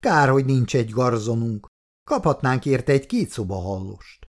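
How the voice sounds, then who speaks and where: A man's voice: medium pitch, expressive, natural voice. A man reading aloud and voicing an eager, slightly pompous male shop manager. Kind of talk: storybook reading.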